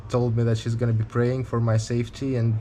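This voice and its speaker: A man's voice: mid-range voice, little pitch movement, a little fast, mellow, slight background noise. A man in his twenties talking casually to camera in a travel vlog, candid and rambling, with a blunt edge. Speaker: touring cyclist vlogger.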